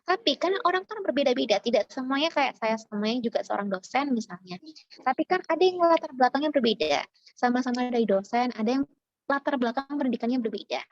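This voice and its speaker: A woman from Java, a university lecturer, speaking in a chatty, animated way with many fillers, as a webinar speaker. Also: sits high, quick pace, dry recording, muffled recording. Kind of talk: informal lecture. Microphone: video call.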